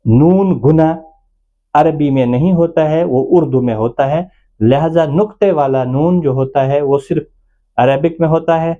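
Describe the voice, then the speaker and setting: A man's voice: on the high side, mellow, highs cut off. A man teaching the Arabic alphabet in an online lesson, explaining patiently step by step. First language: Urdu. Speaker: Quran reading teacher.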